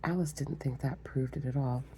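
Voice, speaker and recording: A woman reads a storybook in soft, unhurried whispered role-play, adding quiet asides. Her voice is very low and mellow, with a faint hiss of background noise. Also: fairly even intonation, low-quality recording. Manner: soft, close, unhurried ASMR reading with asides. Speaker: ASMR reader.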